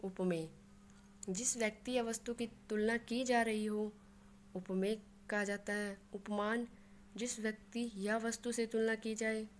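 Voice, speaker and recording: A woman's voice: a little high, steady tone, a little slow, slight background noise. A woman explaining a Hindi grammar lesson, working through examples step by step and mixing English words into her Hindi.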